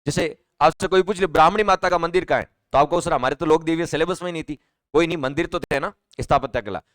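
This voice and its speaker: A man teaches a live online exam-prep class, talking straight to his students. His voice sits on the higher side and the room sounds dry and close. He repeats key points and keeps asking the class questions. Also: fast, a bit bright, no echo. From Rajasthan, India. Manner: chatty, repetitive, asks students questions and reads out names.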